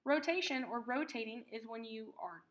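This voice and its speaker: A woman teaching a math lesson, patiently explaining terms and repeating key words slowly for emphasis. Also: fairly high pitch.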